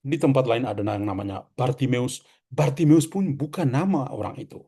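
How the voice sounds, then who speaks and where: Mellow-voiced priest giving a sermon. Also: male voice, medium pitch, normal speed, husky. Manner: conversational preaching with rhetorical questions and asides. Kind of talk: recorded devotional reflection.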